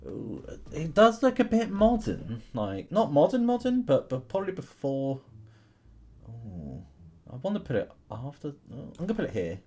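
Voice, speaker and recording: This man's voice sits a little high, with wildly swooping pitch, a darkish tone and a normal speed. He's a YouTube gamer giving casual commentary on an online history quiz game, posing questions to himself and chatting with viewers.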